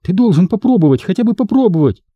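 A woman's voice: medium pitch, very animated, quick pace, slightly rough, no room sound, lo-fi sound, pitched above the performer's own voice. A man voicing a fierce, loyal young woman in an audiobook, pleading and scornful by turns. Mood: heated. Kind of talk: audiobook character voice.

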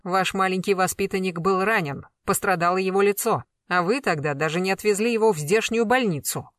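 Reader playing hard commanding interrogator, ex-colonel, measured and relentless, dry recording. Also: medium pitch, fairly bright tone, no room sound, lightly acted. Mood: accusing. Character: stern commanding male investigator, a former colonel. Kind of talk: audiobook character reading.

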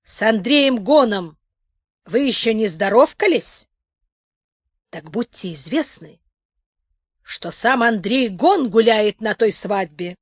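A woman's voice: medium pitch, lively intonation, takes it slowly, long pauses, breathy edge, no echo, clean studio sound. A woman voicing a stubborn, cunning old village man who grumbles and quarrels in rustic speech in an audiobook. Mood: sly, threatening.

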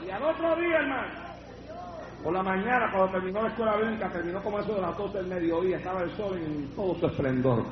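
A man's voice: sits high, expressive, quick pace, a crowd in the background. A man, a pastor preaching fervently and acting out his own testimony. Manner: fervent, acts out his own dialogue in the story. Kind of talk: Pentecostal sermon with testimony. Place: church service. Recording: echoey church with lo-fi sound and congregation.

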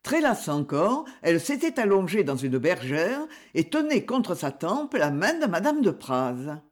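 Slow, expressive woman narrator. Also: fairly low pitch. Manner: measured, expressive storytelling. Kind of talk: scripted audiobook narration.

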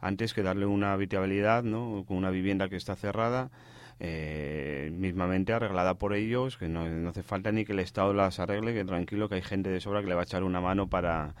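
A fairly low-voiced man speaks on a dry, close radio mic as an interview guest. He pauses often, repeats words and corrects himself as he goes. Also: steady tone, clear, resonant tone, no echo. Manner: halting, many restarts and self-corrections. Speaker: housing activist guest.

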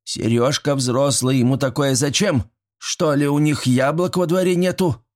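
A man voicing an ailing, stubborn old village man with a creaky voice who grumbles. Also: on the high side, steady tone, moderate pace, a little mellow, pitched above the performer's own voice, lightly acted.

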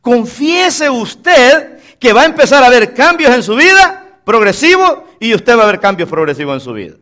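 High, animated male preacher. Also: normal speed. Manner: emphatic preaching with call-and-response. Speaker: pastor. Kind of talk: sermon. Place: church pulpit.

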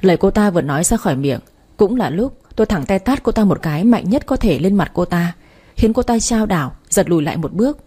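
Woman reading a story in first person, warm breathy voice, steady pace. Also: medium pitch, fairly quick.

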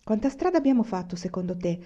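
A woman's voice: medium pitch, sing-song, fast talker, warm tone, muffled recording. A woman reading the short, cheerful lines of a young man on a journey. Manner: cheerful, brief.

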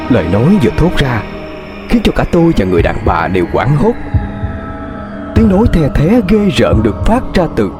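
A man's voice: medium pitch, big pitch swings, brisk, music in the background. A man narrating a ghost story in a tense, dramatic way, with hesitations.

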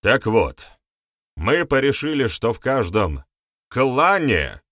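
A man's voice: lowish voice, lively intonation, moderate pace, a bit bright, no room sound, studio quality, voice pushed up. A man doing an earnest, raised-voice village sorcerer. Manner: pressing, rhetorical, emphatic. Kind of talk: audiobook character voice.

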